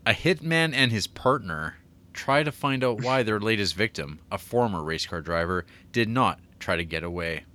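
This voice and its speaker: A man's voice: fairly low pitch, expressive, normal speed, pushed and bright. A man hosting a film podcast with casual commentary on movies.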